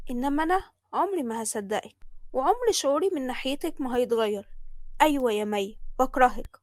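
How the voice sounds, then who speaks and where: A bitter, taunting young sister with an Egyptian accent, as a woman narrator puts her on. She talks quickly and loudly in a dry, close recording, with a fairly high voice. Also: no room sound, lightly acted. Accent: Egyptian Arabic. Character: spiteful jealous young woman, older sister.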